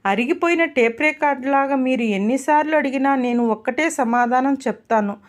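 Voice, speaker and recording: A woman's voice: high-pitched, a little fast, close to an everyday voice. A woman reading a storybook voices a young woman in love who speaks earnestly and pleadingly. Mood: defiant.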